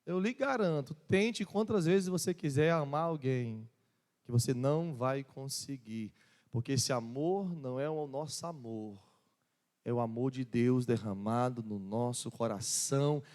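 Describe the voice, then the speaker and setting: A man's voice: medium pitch, darkish tone. A man preaching a sermon as pastor in a church, with impassioned emphasis and questions to the congregation. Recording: long reverb of a church hall.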